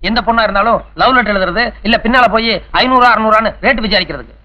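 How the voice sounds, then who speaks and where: Guy doing a cocky bachelor showing off, preachy, highish voice, dull lo-fi film audio. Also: racing, close to an everyday voice. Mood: smug. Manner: boastful, lecturing. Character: pompous young bachelor lecturing friends. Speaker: bachelor hero Madan. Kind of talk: comic film acting.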